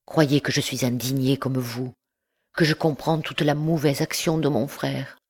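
A woman's voice: rumbling low, fairly even intonation, measured pace, a little mellow. A woman reading an audiobook, voicing an anguished, upright young man who pleads earnestly. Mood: urgent.

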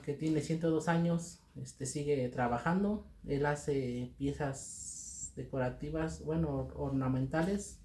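A man's voice: on the high side, mellow. A middle-aged man with a Mexican accent answering interview questions as a guest, speaking hesitantly with many fillers and restarts. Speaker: guest artisan. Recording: roomy echo.

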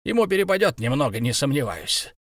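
A man's voice: mid-range voice, big pitch swings, a little fast, dry recording, clean studio sound. A man playing a proud, stubborn dwarf king who speaks sternly and harshly. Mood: grim.

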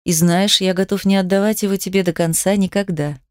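Brief: woman reads brooding young man, soft low murmur, dry close sound, romance audiobook. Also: fairly even intonation, brisk, smooth, no room sound, lightly acted. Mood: tender.

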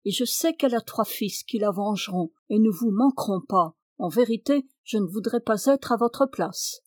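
A woman's voice: medium pitch, normal speed, dry recording, lightly acted. A sly young farmhand who never loses his temper and always has a mocking answer, voiced by a woman reading aloud. The lines come a little raised and pushed, over a dry, close recording with no room sound. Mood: mock-serious. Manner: calm and mocking.

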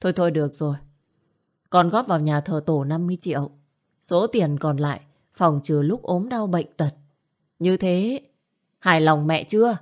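A woman's voice: fairly low pitch, moderate pace, long pauses, lightly acted. A woman voicing a meek grown son who placates his mother hesitantly. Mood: resigned.

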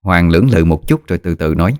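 A man narrating a story in a measured, plain reading voice. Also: deep voice, animated, a little mellow, clear, resonant tone. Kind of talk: audiobook narration. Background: faint music.

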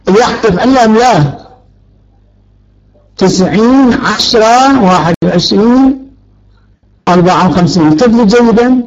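A man's voice: high-pitched, muffled recording. A male teacher giving a grammar lecture, stretching out key words and quizzing his students. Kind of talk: Arabic morphology lecture.

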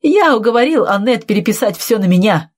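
A woman reading aloud, voicing a greedy, cowardly man who poisoned his relative, in a blustering, shrill manner. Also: expressive, fairly quick, husky. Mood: smug.

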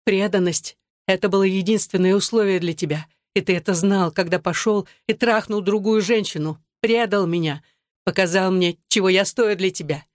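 Reader doing a bitter crying wife, pitched up, yelling, dry sound, audiobook. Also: moderate pace, no echo, natural voice. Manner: shouting, tearful, bitter. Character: furious betrayed wife, adult woman. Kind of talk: audiobook narration.

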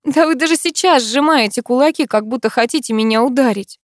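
A woman's voice: high voice, brisk, no echo, clean studio sound, pitched above the performer's own voice, lightly acted. Woman playing a frightened, defiant young heroine. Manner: tense, pleading, heightened. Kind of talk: audiobook character voice.

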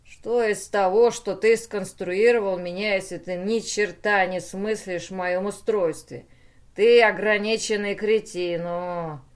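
A woman's voice: medium pitch, fairly even intonation, measured pace, few pauses, natural voice. A woman voicing a drunken, boastful male machine brain that insults its maker. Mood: scornful. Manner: insulting, then groaning.

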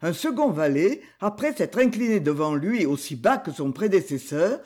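A man reading a novel aloud as an audiobook narrator, expressive and giving the characters' lines their own tone. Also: high-pitched, normal speed. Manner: expressive reading, voicing characters with quoted dialogue. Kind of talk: scripted narration.

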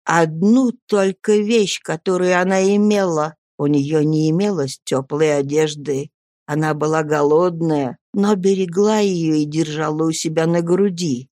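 Woman reader as a dying old crone, hoarse and faint, slow guilty confession, low, hushed voice, dry close sound. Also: steady tone, no echo. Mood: weak, confessing.

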